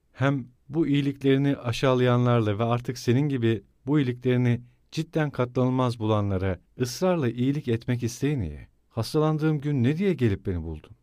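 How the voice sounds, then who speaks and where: Weary bitter young guy, low and slow and fed up, man reading it in a dry audiobook voice. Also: mellow, no room sound, lightly acted. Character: feverish embittered young man, weary and resentful.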